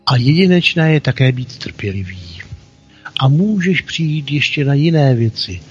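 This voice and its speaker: A man voicing God in a story as a calm, patient father figure, speaking slowly and reassuringly. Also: medium pitch, husky, muffled recording, faint music behind. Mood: gentle. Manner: slow, soft, reassuring.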